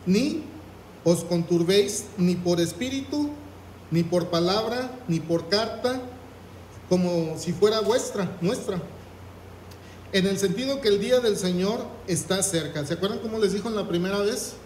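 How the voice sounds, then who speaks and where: A man's voice: high-pitched, expressive, unhurried, darkish tone, reverberant, slight background noise, rough recording. A man preaching a sermon, reading scripture aloud and asking the congregation questions. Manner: reads scripture aloud, asks the congregation "¿qué?".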